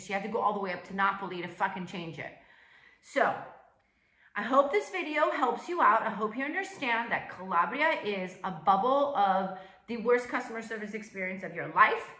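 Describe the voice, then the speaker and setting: A woman's voice: medium pitch, fairly quick, bright, forceful tone, echoey room. A woman venting a long story to camera in a casual, exasperated way, swearing often and acting out the voices of the people she quotes. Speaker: vlogger. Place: room in Calabria.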